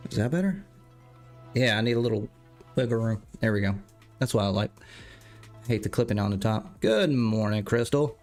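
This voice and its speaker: A man streaming a game live, stuffed up and clearing his throat, rambling and correcting himself as he chats with viewers. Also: fairly low pitch, animated, normal speed, pauses often, darkish tone, soft background music. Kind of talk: casual livestream commentary.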